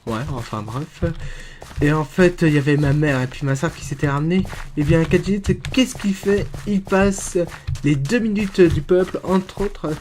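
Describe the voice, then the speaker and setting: Slow, joking young man reviewing gear. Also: fairly high pitch, darkish tone, a little hiss or hum. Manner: joking, rambling, chatty. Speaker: YouTuber reviewing a microphone. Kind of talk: casual product review vlog.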